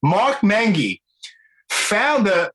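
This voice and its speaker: A man in his forties with a Brooklyn accent, hosting a podcast interview in an excitable, slangy, casual way. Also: high-pitched, very slow. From Brooklyn, New York. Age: 40s. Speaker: podcast host.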